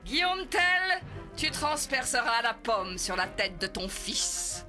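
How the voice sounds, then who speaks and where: A cruel male bailiff rules by threats, as a woman puts him on, drawing his words out slowly and relishing his power. His high, bright voice swoops with menace. Faint music plays beneath the storybook reading. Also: very animated. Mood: menacing. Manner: menacing, mock-friendly, commanding.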